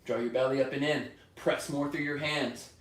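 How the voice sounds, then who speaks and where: A man guides a yoga class, calling out poses and breaths in calm, steady directions. His mid-pitched voice sits back from the microphone. It rings around an echoing studio. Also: normal speed. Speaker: yoga teacher. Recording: roomy studio echo from far off.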